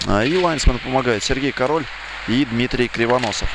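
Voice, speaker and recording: A man giving live play-by-play commentary on an ice hockey match, speaking haltingly with pauses as he follows play. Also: mid-range voice. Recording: loud rink noise behind the voice. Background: indoor ice rink noise.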